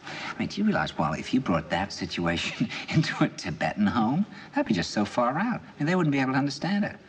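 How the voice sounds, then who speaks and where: A man's voice: mid-range voice, very animated, fast, natural voice. An actor playing an intense middle-aged man confiding over dinner in earnest, probing film dialogue. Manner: earnest, probing, builds to emphatic bursts.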